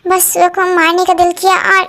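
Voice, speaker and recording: A woman's voice: extremely high pitch, monotone, moderate pace, sharp tone, no echo, full character voice. A woman voicing a young male professor husband in a fan-dub drama, speaking in a soothing, teasing way. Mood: confused.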